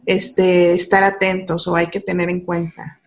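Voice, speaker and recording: A woman's voice: fairly low pitch, monotone, a little slow, lo-fi sound. A woman, hosting an interview, asking questions and sharing her own parenting experience in a friendly way. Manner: friendly, asks questions, shares a parenting story. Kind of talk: conversational interview.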